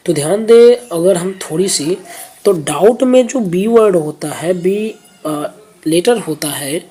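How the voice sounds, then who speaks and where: Soft-spoken, low-pitched woman teacher. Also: slightly rough. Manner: patient, repeats answers, checks in with viewers. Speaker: reasoning teacher. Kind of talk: explaining exam questions step by step.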